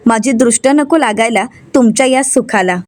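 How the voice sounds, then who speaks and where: A woman voicing a meddling sharp-tongued woman, taunting in a raised voice in a serial recap. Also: fairly high pitch, normal speed, lightly acted.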